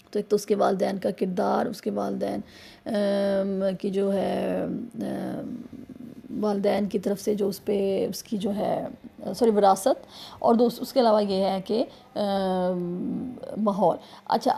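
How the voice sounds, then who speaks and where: A woman teacher talks students through a revision lesson in a gravelly, mellow voice. She speaks haltingly, stretching out fillers and correcting herself mid-word. She patiently repeats key points and backs them with examples. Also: mid-range voice. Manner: halting, with many drawn-out fillers and self-corrections.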